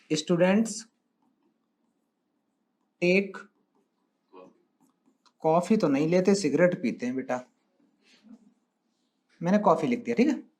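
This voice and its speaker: A man's voice: sits high, mellow. A male maths teacher giving a classroom lecture, coaxing his students with questions and affectionate calls of "beta" and "bachcha".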